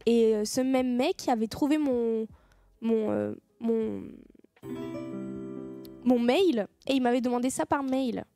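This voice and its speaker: A woman's voice: on the high side, slow pace, long pauses, mellow, faint music behind. A young woman streamer chatting casually with her viewers, swearing freely and thanking them as she goes. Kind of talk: casual live-stream chat.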